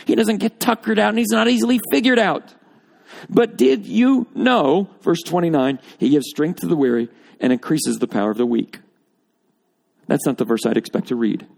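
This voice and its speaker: A man delivers an expository sermon in a church, walking his listeners through scripture line by line. His voice has a gravelly edge, and he builds emphasis on repeated phrases before dropping back to a quieter, more reflective tone. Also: on the high side, moderate pace. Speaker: pastor. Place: church or auditorium with congregation.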